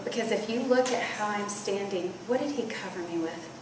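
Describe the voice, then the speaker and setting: Loud storytelling woman in an echoey hall. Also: medium pitch, normal speed, a crowd in the background. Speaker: conference speaker. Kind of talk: storytelling sermon. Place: large hall at a church retreat. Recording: echoey hall, faint noise.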